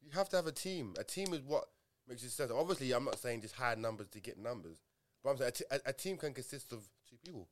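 Male podcast co-host, London roadman accent, very quick delivery, slangy and emphatic, hammering points through repetition. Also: medium pitch, animated, slight background noise. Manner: repeats and rephrases points emphatically, heavy slang.

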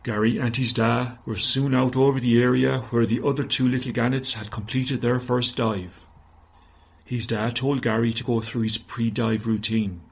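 Husky man reading a children's story. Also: mid-range voice, normal speed, rough recording. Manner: gentle, steady storytelling. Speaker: narrator.

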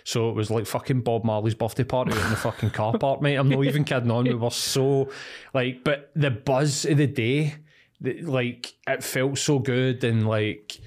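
A man's voice: medium pitch, a little mellow. Blunt, slangy Glaswegian man. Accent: Glaswegian Scottish. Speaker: podcast co-host. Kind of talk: casual sweary chat.

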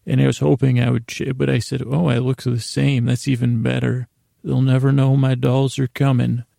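A middle-aged man hosts a bedtime podcast, improvising a rambling monologue to listeners in a creaky, gravelly, mellow voice of medium pitch. His delivery is flat and whimsical, meandering and halting, often trailing off mid-thought. The studio-quality recording has no room sound.

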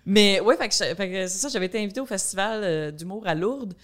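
A woman in her thirties with a rural Quebec French accent, a comedian, chats casually as a podcast guest, her speech full of fillers. Her voice is medium-pitched and her pace quick.

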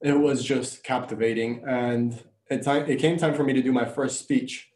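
A man's voice: mid-range voice, fairly even intonation, normal speed, darkish tone. Man born in Bulgaria, Bulgarian first language, earnest interview guest, echoey room. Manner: earnest storytelling. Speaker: guest, coach and speaker. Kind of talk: conversational interview.

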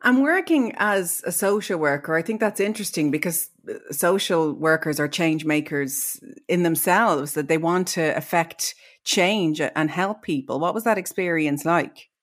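Low-voiced woman hosting an interview. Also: moderate pace. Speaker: podcast host. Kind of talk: scripted introduction then interview.

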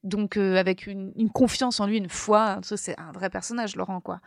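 A woman's voice: mid-range voice, steady tone, normal speed, gravelly, dry recording, clean studio sound. A woman guest on a podcast tells her story casually, rambling and self-deprecating, with many hesitations. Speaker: podcast guest, first-time author.

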